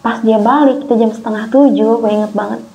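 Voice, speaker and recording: Animated woman retelling a scare. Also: on the high side, brisk, vocal fry. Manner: animated, emotional retelling in Jakarta slang. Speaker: guest telling her experience. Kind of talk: casual storytelling. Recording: dull lo-fi sound with faint music.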